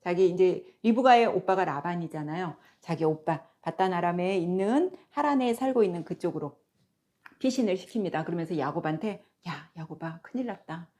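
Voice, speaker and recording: A woman teacher retelling a Bible story in a lively way, often turning to her listeners with questions. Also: on the low side, fairly quick. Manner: lively storytelling, asks the audience rhetorical questions.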